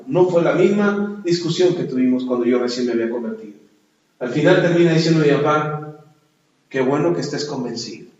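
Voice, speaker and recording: A man preaches from the pulpit, his voice high-pitched and emphatic as he calls out to the people. He sounds distant and muffled, swimming in the heavy echo of a church hall. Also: darkish tone. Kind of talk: sermon with personal testimony. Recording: echoey, dull hall sound from far off.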